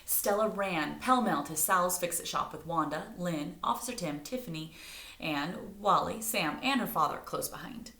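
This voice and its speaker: A woman reads a storybook aloud to children in an animated way, pausing to ask them questions to keep them engaged. Her voice is fairly low, bright and forceful, at a normal speed, and the room is echoey.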